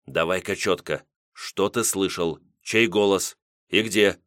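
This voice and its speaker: A man reading an audiobook, voicing a calm, steady commander who speaks firmly and reassuringly. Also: low voice, takes it slowly, dry recording, studio quality. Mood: firm whisper.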